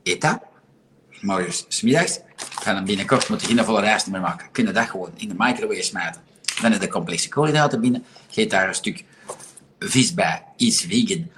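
A man's voice: on the low side, brisk, slight background noise. Blunt, sarcastic Flemish man livestreaming. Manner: blunt, sarcastic, animated, with frequent rhetorical questions. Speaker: livestream host. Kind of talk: casual livestream commentary.

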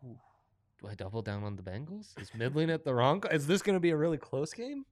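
A man's voice: a little high, expressive, fairly quick, no echo, studio quality. A man co-hosting a sports betting show, chatting casually and informally.

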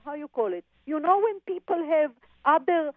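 A woman's voice: high-pitched, animated, dry recording. Psychic woman on a tinny phone line. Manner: calls people darling and honey, halting with fillers. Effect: phone line into a radio show. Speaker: psychic medium guest on a radio show.

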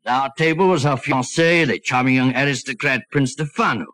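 An actor playing a genial older English gentleman doctor who reminisces with hesitant exclamations, in 1940s radio drama style. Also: mid-range voice, brisk, no room sound, clean studio sound, lightly acted. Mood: reminiscing.

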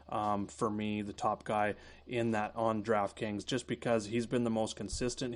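A man with a Canadian accent giving casual golf betting analysis, talking loosely with many fillers. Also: on the low side. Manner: relaxed, filler-heavy, thinks aloud. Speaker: fantasy golf analyst guest.

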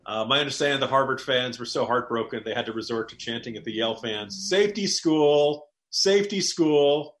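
A man's voice: medium pitch, fast talker, few pauses. A man co-hosting a political podcast, chatting casually with wry, sarcastic jokes. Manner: wry, joking, animated. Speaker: podcast co-host.

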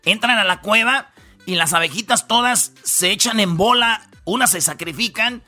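A man's voice: high-pitched, normal speed, bright, forceful tone, soft background music. A man with a Mexican Spanish accent hosting a radio comedy show, rambling through the news in slangy, jokey storytelling. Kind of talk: comic news rundown.

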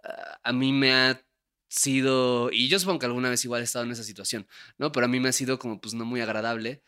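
A man's voice: medium pitch, steady tone, fast, bright, forceful tone, clean tone. A young adult man with a Mexican Spanish accent, hosting a casual podcast chat, laughing often and ending thoughts with tag questions. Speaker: podcast host. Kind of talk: casual conversation.

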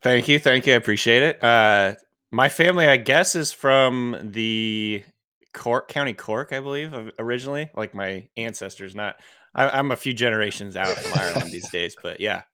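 A man's voice: medium pitch, normal speed, bright, forceful tone, clear, resonant tone, dry recording, studio quality. A man talking casually as a podcast guest and analyst, informal, peppering his talk with "like" and "you know".

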